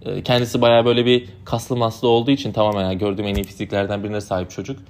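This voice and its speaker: A man's voice: lowish voice, completely flat delivery, rapid-fire. Chatty young man, rambling storyteller. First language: Turkish. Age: young adult. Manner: chatty, rambling with many fillers and restarts. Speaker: podcast host. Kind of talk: casual storytelling.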